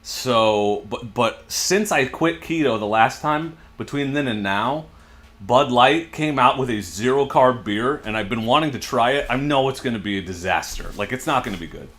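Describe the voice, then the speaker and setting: Speaking at a normal speed with lively intonation, a man in his forties hosts a relaxed livestream from his home garage. His mid-range voice is a bit bright as he reads out viewer comments on a desk mic and responds to them in conversation.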